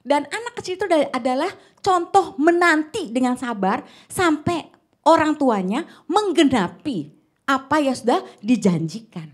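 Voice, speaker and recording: A woman preaching a conversational church sermon, speaking directly to the congregation and often checking in with a quick "ya". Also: high-pitched, big pitch swings. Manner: chatty, keeps checking in with "ya", addresses the congregation directly.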